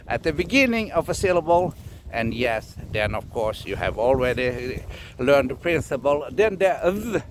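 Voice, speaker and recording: A man from Scandinavia, teaching casually in a halting way, often repeating himself and laughing. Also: on the high side, a little hiss or hum. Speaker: runologist teacher. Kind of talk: casual explanatory lesson.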